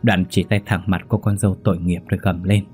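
A man narrating a scripted story in a steady, measured reading. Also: low-pitched, faint music behind.

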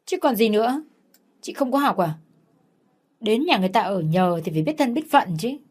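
A woman's voice: animated, normal speed, lightly acted. A woman voicing a haughty, bossy young sister-in-law in a told story. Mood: sneering. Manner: sneering, high-handed.

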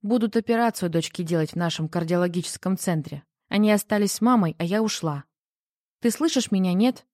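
A woman reading the part of a bossy sister in a hurry, talking briskly and impatiently in an audiobook. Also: on the low side, a little mellow, no room sound, clean studio sound, lightly acted.

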